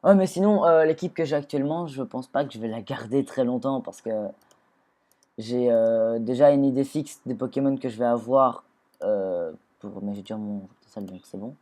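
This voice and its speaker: Here the man's mid-range voice has a dark tone and a normal speed. His gameplay talk is casual and meandering, full of self-corrections, and he addresses the creatures on screen as he plays.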